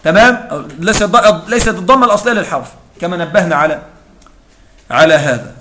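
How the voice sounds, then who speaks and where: A man with a strikingly high voice gives a grammar lecture to a class. He reads a line from the book, unpacks it point by point, and stops often to ask whether everyone has understood. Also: lively intonation, fast, sharp tone, slight background noise. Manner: reads a text aloud, then explains it and checks with students. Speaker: grammar teacher.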